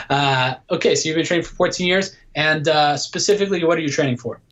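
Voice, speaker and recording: A man's voice: fairly high pitch, a little fast, a bit bright. A man in his thirties, a guest coach on a casual podcast interview, explaining things patiently with many fillers. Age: 30s. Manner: explanatory, lots of "uh" and "um".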